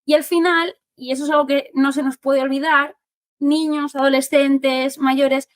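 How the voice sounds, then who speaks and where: High-voiced, animated Spanish woman therapist. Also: measured pace, dry recording. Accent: Spanish from Spain. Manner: animated, explanatory, acts out quotes. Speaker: occupational therapist giving a talk. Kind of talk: informal talk to families.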